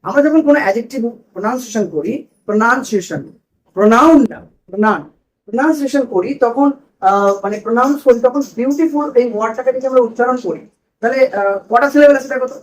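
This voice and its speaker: A man's voice: very high-pitched, fast talker, poor audio. A man teaching a grammar lesson to a class in a classroom, asking questions and repeating the students' answers.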